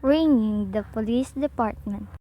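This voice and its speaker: A teenage girl voices a formal telephone operator who speaks slowly in a high voice. Her delivery stays measured and polite. The recording is dull and lo-fi, with faint noise underneath. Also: natural voice. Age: teens. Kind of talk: school radio play.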